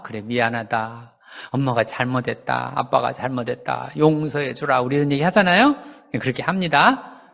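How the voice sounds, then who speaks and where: A man preaching as a pastor, talking in a conversational way with rhetorical questions and briefly acting out quoted people. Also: a little high. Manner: animated, acts out quoted parents and children. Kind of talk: sermon. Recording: long hall reverb.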